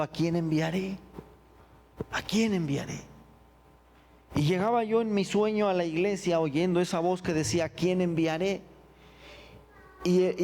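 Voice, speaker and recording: A middle-aged man, a pastor, sharing his personal testimony in a sermon with earnest, reflective storytelling and halting, repeated words. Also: high-pitched, a little mellow.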